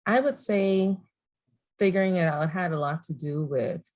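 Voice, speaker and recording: A woman from the Bahamas, answering interview questions in a measured, thoughtful way and laughing easily. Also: fairly low pitch, a little mellow. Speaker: guest entrepreneur. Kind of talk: conversational interview.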